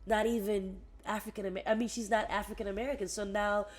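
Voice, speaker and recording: A young woman from the Netherlands talks as an interview guest, chatting casually. She gets animated and laughs easily, and she often breaks off and restarts her sentences. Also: medium pitch, fast. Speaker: guest actress.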